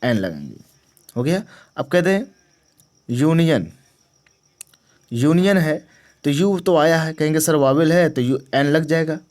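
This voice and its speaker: A man's voice: fairly high pitch, expressive, a little slow, long pauses, darkish tone. A man teaching a grammar lesson, who asks questions and answers them himself, repeats key words and checks that the class understands. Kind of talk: grammar lesson to exam students.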